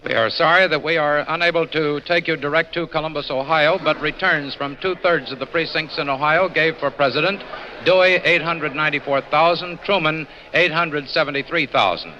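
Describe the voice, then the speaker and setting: A man reading election bulletins as a radio news announcer, brisk and formal, heard on an old 1940s radio news broadcast recording. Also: a little high, sharp tone. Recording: dull, lo-fi old radio recording with faint hiss.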